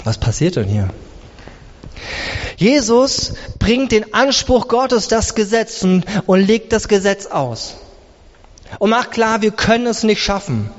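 A man preaching a sermon, emphatic, with his pitch swinging from high to low. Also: big pitch swings, slow pace. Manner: emphatic, rises and drops sharply in pitch. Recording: reverberant hall, dull sound.

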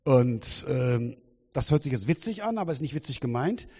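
A man in his fifties preaching a sermon in a lively, humorous and theatrical way, often asking the congregation questions. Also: mid-range voice, moderate pace, husky. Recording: dull sound with long hall reverb.

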